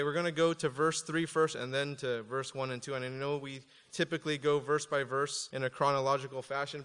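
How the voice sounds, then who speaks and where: Pastor with a slightly high voice in a reverberant hall. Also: male voice, fairly bright tone, clean tone. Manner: reads scripture aloud slowly, then explains with casual asides. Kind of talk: sermon.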